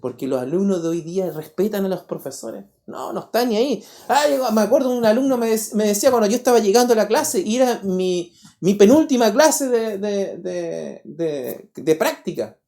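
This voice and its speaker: A man, preaching a sermon as pastor. He talks in an animated way and keeps asking the congregation rhetorical questions. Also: high-pitched, normal speed, vocal fry. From Paraguay. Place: church.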